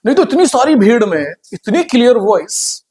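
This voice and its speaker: A man's voice: very high-pitched, sing-song, normal speed, darkish tone. A man giving a conversational classroom lecture on computer hardware, often asking the class questions.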